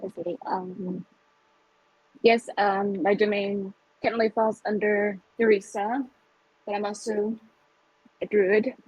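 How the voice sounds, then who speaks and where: A woman's voice: mid-range voice, flat delivery, slow, long pauses, a little mellow, breathy edge, poor audio. A woman playing a tabletop game, chatting casually and hesitantly.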